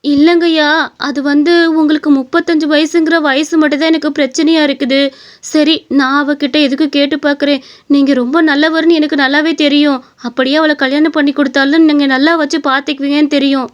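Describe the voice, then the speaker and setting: A woman's voice: high voice, flat delivery, a little fast, lightly acted. A woman voicing an anxious middle-aged mother in a cartoon story, coaxing and pleading. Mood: worried. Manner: pleading, persuasive. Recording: dull lo-fi recording.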